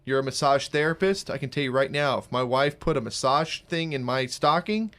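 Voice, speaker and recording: A male radio host in a studio, talking in a pushy, salesy, upbeat way. His voice sits at an ordinary pitch, and he likes to tease his guests. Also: fairly quick. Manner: energetic, salesy, joking. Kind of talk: casual radio talk. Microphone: studio mic.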